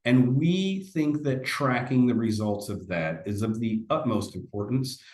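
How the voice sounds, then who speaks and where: A man's voice: medium pitch, expressive, a little slow, a little mellow, roomy sound. A man giving a casual, conversational sales presentation in a webinar, often restarting his sentences.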